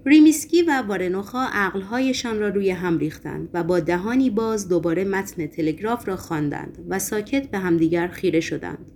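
Woman, audiobook narration, mid pitch, faint background hiss. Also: hardly any pauses, a little mellow. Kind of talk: scripted narration of a novel.

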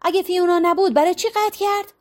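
Woman voicing an anxious, hushed mother. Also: very high voice, voice pushed up. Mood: earnest. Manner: hushed, earnest. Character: anxious middle-aged mother Maggie.

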